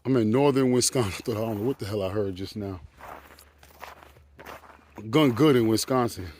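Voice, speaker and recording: A man's voice: lowish voice, moderate pace, darkish tone, slight background noise. A man vlogging outdoors in winter, talking in a slangy, chatty way and a little out of breath. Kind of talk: casual outdoor vlog. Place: outdoors on a frozen lake in winter.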